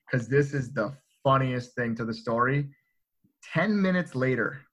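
A young adult man telling a story to friends in a casual, animated way, full of "like" and "right?". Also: medium pitch, lo-fi sound. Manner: animated, filler-heavy, checks in with "right?".

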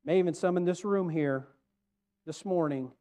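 A male pastor preaching a sermon to his congregation in a church, earnest, rising to loud emphasis and dropping quiet. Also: fairly high pitch, moderate pace.

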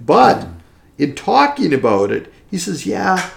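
A man reading passages aloud from a historical text and explaining them in a relaxed way, with the odd chuckle. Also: medium pitch, a little slow, gravelly, a little hiss or hum. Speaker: teacher discussing a historical text.

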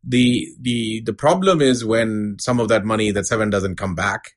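A middle-aged man giving a measured, unscripted explanation as an expert interview guest. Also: lowish voice. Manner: measured, explanatory, uses analogies. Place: studio.

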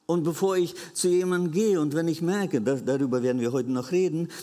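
A man's voice: fairly high pitch, brisk, dark tone. A man preaching a sermon to his congregation in an earnest way, repeating key phrases and often hesitating with fillers. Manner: earnest, repetitive emphasis with frequent hesitations. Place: church hall. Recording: long reverb of a church hall.

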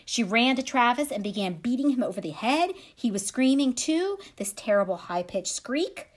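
A woman's voice: a little high, lively intonation, normal speed. A woman podcast host retelling a true crime story with wry side comments. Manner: dramatic retelling with wry asides.

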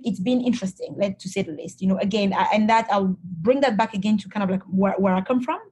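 A woman's voice: medium pitch, quick pace, dark tone, slightly rough. A woman from Cameroon, a guest in an interview, answering reflectively with frequent restarts and "you know" fillers.

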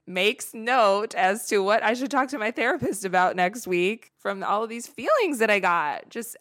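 A woman's voice: mid-range voice, a bit bright, no room sound, clean studio sound. A young woman, hosting a podcast and talking candidly about her fears, chatty, confessional and casual with swearing. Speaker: podcast host. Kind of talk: candid solo podcast talk.

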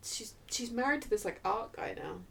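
A woman's voice: on the high side, expressive, normal speed, vocal fry, a little hiss or hum. A woman co-hosting a podcast in casual chat, rambling with lots of fillers. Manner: chatty, lots of fillers and likes. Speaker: podcast co-host.

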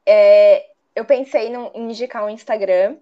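A woman's voice: medium pitch, fairly even intonation, a little slow, muffled recording. A young woman, chatting casually with lots of fillers and laughs. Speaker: podcast guest, law graduate. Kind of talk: casual chat.

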